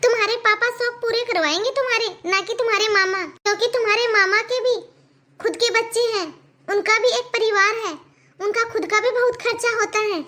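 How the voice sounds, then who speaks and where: A woman voicing a sharp-tongued aunt who lectures her husband's sister and niece bluntly in a cartoon. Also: very high-pitched, steady tone, a little fast. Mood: scolding. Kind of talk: cartoon voice acting.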